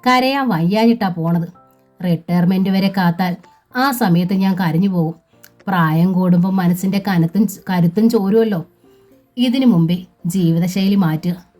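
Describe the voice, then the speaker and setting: A woman voicing an older male schoolteacher near retirement, speaking in a calm, reflective way in a storybook reading. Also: lowish voice, normal speed, faint music behind, natural voice.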